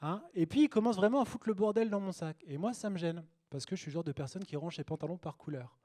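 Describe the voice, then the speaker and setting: A man's voice: high-pitched, fast talker, mellow. Cheeky young man doing stand-up. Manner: cheeky, chatty, loose delivery with fillers. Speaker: stand-up comedian. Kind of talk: stand-up routine. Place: small cabaret stage with a live audience.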